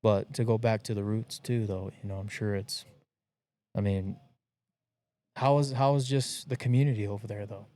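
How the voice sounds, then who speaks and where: A man's voice: on the low side, fairly even intonation, normal speed, mellow. A man from Hawaii hosting a podcast, chatting casually in a rambling way with lots of slang and fillers. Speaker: podcast host. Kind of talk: casual chat.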